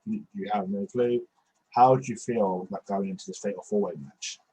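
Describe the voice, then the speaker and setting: A man in his 20s hosts a podcast over a video call, using a headset in a small bedroom and rambling casually with many restarts. His lowish, dark voice holds a fairly even intonation at a moderate pace, and the recording is rough.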